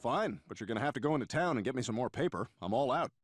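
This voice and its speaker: A man's voice: medium pitch, expressive, very fast, no room sound, natural voice. An actor voicing a panicky, exasperated male novelist held captive, firing off dry comebacks.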